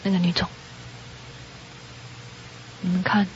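A woman giving a Buddhist sermon to an audience, telling a story in a lively way and acting out the characters' lines. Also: on the low side, slow pace, slightly rough. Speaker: Buddhist dharma teacher. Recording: dull lo-fi recording.

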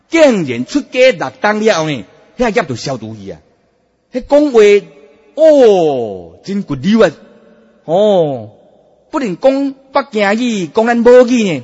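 Animated husky preacher. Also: male voice, sits high. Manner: animated, emphatic, drawn-out particles. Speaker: Buddhist preacher. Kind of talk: sermon. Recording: dull, echoey hall sound.

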